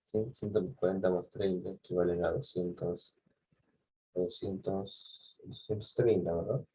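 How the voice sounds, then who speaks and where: A man's voice: deep voice, flat delivery, measured pace, dark tone, husky, rough recording. A man teaching a math lesson, patiently walking students through a clock-angle problem and often checking that they follow. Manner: patient, asks "¿sí?" and "¿de acuerdo?" often, restarts phrases.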